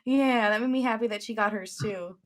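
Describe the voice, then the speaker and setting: A woman's voice: a little high, a little fast. A woman streamer being interviewed, bubbly and giggly, with lots of "like" in her casual speech. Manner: bubbly, giggly, says "like" a lot.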